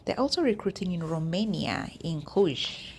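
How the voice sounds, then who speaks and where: Chatty woman with a gravelly low voice. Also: lively intonation, moderate pace, slight background noise. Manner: chatty, addresses viewers directly. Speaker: YouTube vlogger. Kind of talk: casual walkthrough of job listings.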